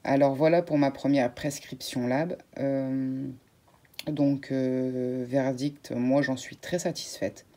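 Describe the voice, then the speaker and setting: Mellow-voiced chatty woman vlogger. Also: rumbling low, fairly even intonation, slow. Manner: chatty, addresses viewers, frequent fillers and restarts. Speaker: beauty vlogger. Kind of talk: casual unboxing chat.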